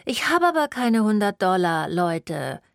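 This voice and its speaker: A woman's voice: mid-range voice, animated, a little fast, no room sound, clean studio sound. A woman voicing a broke young student who whines and snaps back defensively. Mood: whiny. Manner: whiny, defensive.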